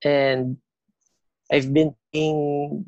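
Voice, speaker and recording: A man with a slight lisp, a band vocalist chatting as a podcast guest, talking haltingly with many fillers and restarts. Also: a little high, little pitch movement, a little mellow, no room sound, highs cut off. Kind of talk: casual interview chat.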